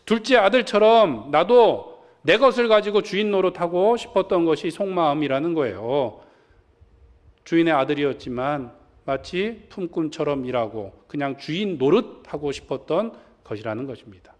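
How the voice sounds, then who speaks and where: Male pastor, fairly high voice, sermon with questions thrown to the pews. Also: animated, normal speed. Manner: asks the congregation questions and acts out quoted lines. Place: church sanctuary.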